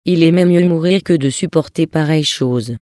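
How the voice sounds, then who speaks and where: A reader giving a steady, even scripted narration of a religious text for an audiobook. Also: medium pitch, normal speed, no echo, clean studio sound.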